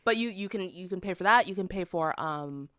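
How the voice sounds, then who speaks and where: A woman's voice: on the low side, expressive, fairly quick, a bit bright, smooth, no room sound, clean studio sound. Phlegmy sick woman chatting bluntly. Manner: candid and blunt, with casual swearing. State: sick with a cough. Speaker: podcast co-host. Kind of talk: casual chat.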